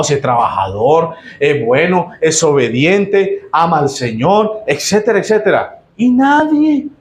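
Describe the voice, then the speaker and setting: A man's voice: on the high side, reverberant. A man with a Nicaraguan accent preaching a sermon in church, emphatic and exclamatory, firing rhetorical questions at the congregation. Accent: Nicaraguan Spanish. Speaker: pastor.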